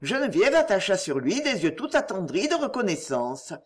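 Expressive woman reading a novel aloud. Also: mid-range voice, normal speed. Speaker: audiobook narrator. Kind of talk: scripted narration.

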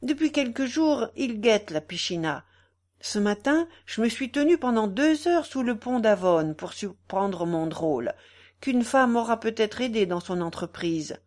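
A woman's voice: a little high, expressive, unhurried, a little mellow, voice pushed up. A woman reading aloud, voicing a grown male gamekeeper who speaks with urgency. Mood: urgent. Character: grown male estate gamekeeper, alert and anxious.

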